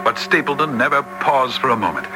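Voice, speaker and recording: A man playing Doctor Watson as a courteous, earnest gentleman who sputters when surprised, in old radio drama style. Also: mid-range voice, very animated, a little fast, over music, lightly acted, low-quality recording. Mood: measured narration. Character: Doctor Watson, courteous, easily astonished English gentleman narrator.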